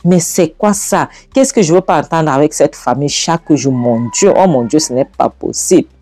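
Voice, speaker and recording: A woman's voice: deep voice, lively intonation, normal speed, mellow, breathy edge, exaggerated voice. A man voicing a dramatic older mother in a spoken movie recap, lamenting theatrically.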